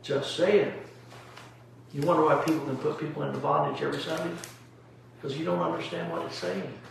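With vocal fry and a slightly high voice, this male pastor speaks fairly quickly while teaching a home Bible study full of emphatic rhetorical questions. The mic sits far off in an echoey room, picking up faint noise.

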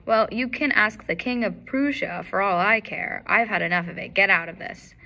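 A woman doing a blustering, shouting market salesman. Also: medium pitch, normal speed, low-quality recording. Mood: furious. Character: angry, fist-shaking male market salesman.

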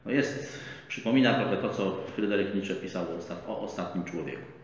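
A middle-aged man with a low voice offers measured political commentary as a guest at a table in a bright studio, lecturing deliberately with frequent drawn-out hesitations. A table microphone on a stand picks him up while the camera frames wide, and the sound is echoey, roomy, slightly dull, with faint hiss.

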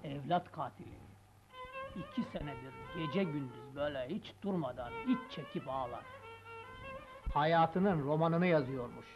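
A world-weary prison inmate. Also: male voice, fairly high pitch, expressive, unhurried. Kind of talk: 1950s film drama acting. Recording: dull old film soundtrack with loud music.

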